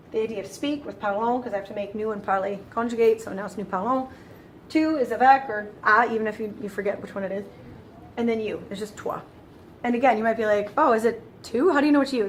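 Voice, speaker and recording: A woman's voice: on the high side, fast talker, slight background noise. A woman explaining grammar in a casual, chatty lesson, often restarting phrases and walking through it step by step. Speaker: French teacher.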